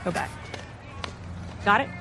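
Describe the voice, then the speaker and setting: A woman's voice: slow, lightly acted. An actress playing a firm, caring adoptive mother who coaxes a boy, in a film clip. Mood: firm, coaxing. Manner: firm, coaxing. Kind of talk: film scene. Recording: noisy outdoor film clip.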